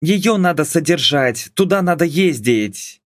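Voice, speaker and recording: A sarcastic young woman from an audiobook, reasoning with her family in dry, dismissive tones, as a male narrator puts her on. The voice sits higher than the reader's own, but the pace stays slow. The sound is close and dry. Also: animated, no echo.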